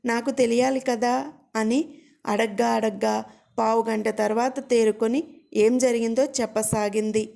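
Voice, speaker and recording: A woman's voice: a little high, creaky, dark tone. A woman narrating a first-person family story as the mother, also reading the children's lines. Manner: reads as the mother, voicing the children's lines too.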